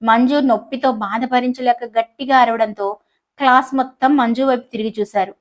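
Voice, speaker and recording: A woman's voice: fairly high pitch, fairly even intonation, normal speed. Woman narrating a love story audiobook.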